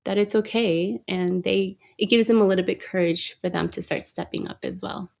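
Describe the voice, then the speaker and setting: A woman's voice: medium pitch, steady tone, normal speed, gravelly, darkish tone. A woman photographer as a podcast guest, talking reflectively with hesitant restarts. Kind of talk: conversational interview.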